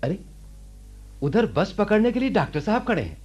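An actor in a radio play voicing an earnest, caring reformed village laborer. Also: male voice, high-pitched, big pitch swings, moderate pace, a little mellow, husky, soft background music, heavily acted. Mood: indignant. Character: kind reformed village laborer Sappu, man. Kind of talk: radio drama acting.

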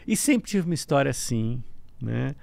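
A middle-aged man from Brazil, a guest telling a story in a casual interview, lively, with stammered restarts and bursts of laughter. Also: mid-range voice, normal speed, gravelly, dry recording. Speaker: guest, breathwork teacher.

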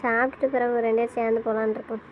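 A woman on a family phone call, chatting and answering back to her brother in a slightly high voice. The audio is a little dull, with faint background noise. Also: level tone, rapid-fire. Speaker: younger sister on a phone call. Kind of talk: casual family phone chat.

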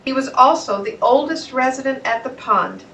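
A woman reading a children's storybook aloud in a plain, steady way. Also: high-pitched, normal speed, far from the mic, slight background noise, low-quality recording. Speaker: narrator.

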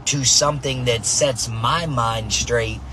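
A man coaching softball who talks in an energetic motivational monologue, tagging his points with "right?" and "man", recorded in a car. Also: medium pitch, slow pace, slight background noise.

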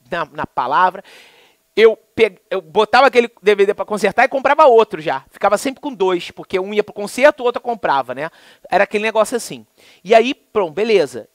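A man with a Brazilian Portuguese accent teaching a law lesson in a lively, colloquial way, full of anecdotes and acted-out dialogue. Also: dry recording. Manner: lively, colloquial, acts out dialogue with swings in pitch. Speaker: law lecturer.

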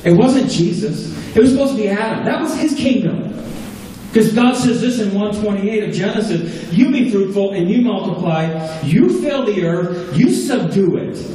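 A small-church pastor with a high-pitched, expressive voice of dark tone preaches at a moderate pace, earnestly repeating key phrases for emphasis. He's recorded by a far camera at the back of an echoey room, with a faint hum present.

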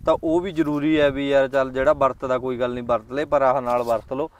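A man's voice: medium pitch, level tone, fairly quick, slight background noise. A Punjabi man hosting a farming interview, chatting casually and speaking directly to viewers. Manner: chatty, addresses viewers as friends. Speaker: farming channel host.

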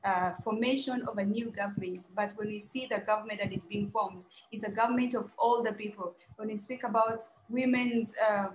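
A woman's voice: mid-range voice, fairly even intonation, fairly quick, hardly any pauses, reverberant, background noise. A young woman from South Sudan giving an earnest, urgent conference talk over a webcam video call, repeating phrases for emphasis. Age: young adult. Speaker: conference speaker. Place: dim indoor room.

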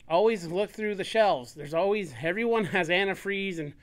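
A man in a workshop casually showing tools he bought, speaking plainly and trailing off quietly at the ends of thoughts. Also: high voice, normal speed. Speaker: shop owner showing a tool haul. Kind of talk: casual show-and-tell narration. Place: workshop bench.

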